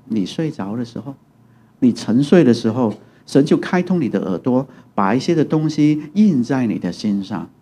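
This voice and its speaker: Animated man preaching a sermon. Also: normal speed, breathy edge. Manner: animated, acts out quotes with rising pitch and loudness; conversational, keeps asking the congregation to agree. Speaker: pastor. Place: church sanctuary.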